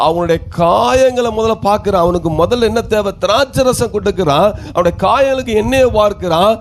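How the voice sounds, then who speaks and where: A man's voice: high voice, slight background noise. A male pastor with a Tamil Nadu accent, preaching a sermon and asking his congregation questions, with calls of hallelujah.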